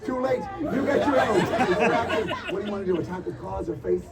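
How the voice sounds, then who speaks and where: A man with a high voice runs a tabletop adventure as a live stage show. He tells the story in a dramatic, suspenseful way, like an announcer playing to a fair crowd. The mic is distant, with loud noise and a big crowd all around. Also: lively intonation, fast talker. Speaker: game master and live show host. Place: outdoor stage at a Renaissance fair.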